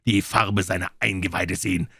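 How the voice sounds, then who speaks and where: A man reading an audiobook, voicing a menacing old pirate cook who bellows his threats gruffly. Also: deep voice, fairly even intonation, moderate pace, bright, forceful tone, dry recording, studio quality, full character voice.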